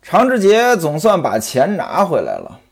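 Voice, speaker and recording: A man's voice: a little high, wildly swooping pitch, moderate pace, gravelly, husky. A man telling a traditional story with commentary and chatty asides to the listener.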